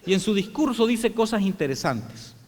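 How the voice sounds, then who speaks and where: A man from El Salvador giving a formal welcome address as president of an international congress, telling the story in a measured, reflective way. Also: high voice, expressive, a little mellow. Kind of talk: formal speech. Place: large theatre hall. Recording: long hall reverb.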